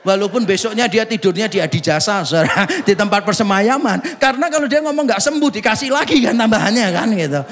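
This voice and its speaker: Male pastor, higher-pitched voice, joking conversational sermon, rhetorical questions to the congregation. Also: animated, quick pace, hardly any pauses, a bit bright. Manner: humorous, conversational, teasing the congregation. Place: church service.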